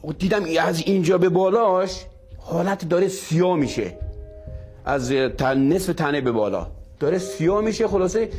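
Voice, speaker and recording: Male storyteller, higher register, emphatic and repetitive, soft music bed. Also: expressive. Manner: emphatic, repeats phrases. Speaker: storyteller guest. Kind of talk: animated storytelling.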